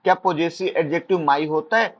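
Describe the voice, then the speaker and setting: A man's voice: on the high side, fairly even intonation, fairly quick, dull audio. A male teacher voicing a curious young male student who keeps asking him questions. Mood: questioning. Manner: eager questioning, addresses the teacher as sir.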